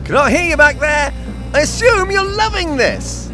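An actor playing a reckless, thrill-seeking man in an audio drama, shouting in a frantic, profane way. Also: sits high, very animated, slow pace, vocal fry, music in the background, full character voice. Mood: wildly exhilarated.

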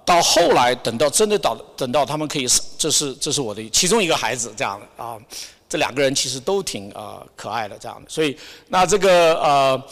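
A middle-aged man shares an informal sermon in a big, echoing hall. His pitch sits in an average male range. He speaks haltingly, feeling for words and slipping English terms into his sentences. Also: animated, a bit bright. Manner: halting and hesitant, searching for words, mixing in English words. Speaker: church member sharing a Sunday message. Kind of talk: informal church testimony sermon. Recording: long hall reverb.

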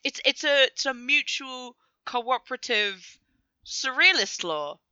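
A Canadian woman co-hosting a podcast in casual, joking banter, animated and swearing freely. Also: sits high, slow, clear, resonant tone, no room sound, lo-fi sound. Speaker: podcast co-host.

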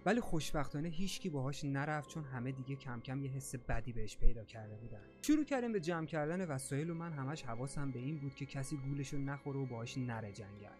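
A man's voice: medium pitch, animated, few pauses, darkish tone, faint music behind. A man narrating a first-person creepy story in a casual, slangy way.

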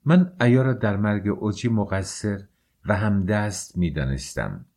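Low-voiced male audiobook narrator. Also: expressive, a little mellow. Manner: measured, emotional first-person reading. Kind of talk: scripted narration.

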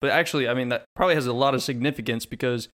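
A man co-hosting a relaxed podcast in a middle-pitched voice, giving thoughts in a halting, rambling way. He fills his pauses with ums and restarts. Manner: rambling, halting, lots of fillers. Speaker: podcast co-host. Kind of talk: casual chat.

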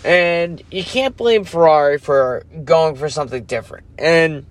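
A man's voice: fairly high pitch, measured pace. A sleepy, yawning man ranting casually as a podcast host, rambling and losing his focus. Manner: rambling, loses focus, self-interrupting. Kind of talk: casual rant.

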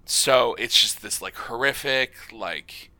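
A man's voice: mid-range voice, slow pace, a crowd in the background. A man chatting as a guest on a comedy podcast, rambling and amused by his own jokes, often trailing off mid-thought. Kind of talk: casual comedy chat.

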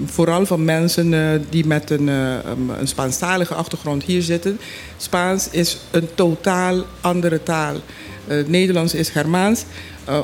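Guy, fairly high voice, halting explanations on a radio panel, some noise behind. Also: a little mellow. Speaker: panel guest. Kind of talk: informal explanatory talk. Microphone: studio microphone. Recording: clear background noise.

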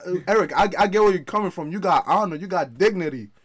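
A man's voice: high voice, fast, over a noisy crowd. A young man in casual podcast banter, talking like a boisterous frat bro, slangy, often cutting in and repeating himself. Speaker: podcast host.

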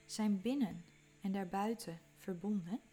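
Woman, calm meditation guide, unhurried delivery, faint music underneath. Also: medium pitch. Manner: slow, calm, soothing instructions with soft whispered moments.

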